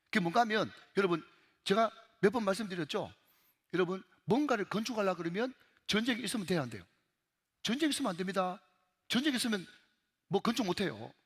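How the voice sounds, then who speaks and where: A man's voice: high voice, animated, fast, husky, long reverb tail. A male pastor with a Gyeongsang accent preaching an emphatic sermon in a church, repeatedly calling out to the congregation. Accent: Gyeongsang Korean. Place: church sanctuary.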